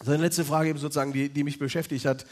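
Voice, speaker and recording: A man's voice: on the high side, steady tone, very fast. A man in his thirties telling a personal faith story to an evening audience, in a loose, chatty way full of fillers.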